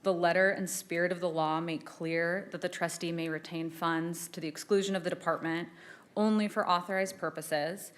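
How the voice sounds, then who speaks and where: A woman with a low voice makes a formal oral argument before appeals judges. She speaks in a measured way and restarts a phrase now and then when she answers questions. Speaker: assistant attorney general arguing an appeal. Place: courtroom.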